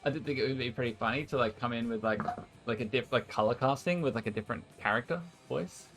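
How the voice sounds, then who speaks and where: A man's voice: mid-range voice, quick pace, a bit bright, soft background music. An Australian man casting esports and chatting casually with his stream viewers, energetically hyping them up. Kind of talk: casual stream chat and play-by-play commentary.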